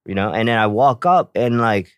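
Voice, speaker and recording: A man in casual chat who tells stories with animated acted-out reactions. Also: fairly low pitch, moderate pace, clean tone, no room sound, clean studio sound. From South Korea. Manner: animated storyteller, acts out reactions.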